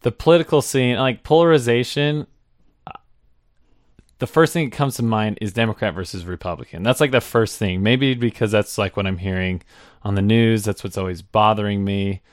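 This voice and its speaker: A man's voice: lowish voice, normal speed, no room sound, studio quality. A young man hosting a podcast, asking questions in a hesitant way and laughing easily. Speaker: podcast host. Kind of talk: casual interview talk.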